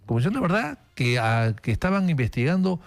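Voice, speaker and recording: A man's voice: fairly high pitch, sing-song, fairly quick, gravelly. A man hosting a radio political interview, telling anecdotes with many "eh" fillers. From Peru. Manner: conversational anecdotes, frequent fillers. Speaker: radio host.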